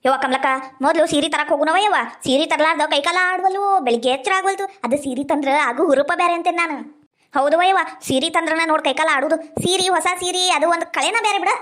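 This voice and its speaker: A woman's voice: extremely high pitch, fast talker, fairly bright tone. A woman with a North Karnataka Kannada accent playing a chatty village neighbour in a comedy sketch.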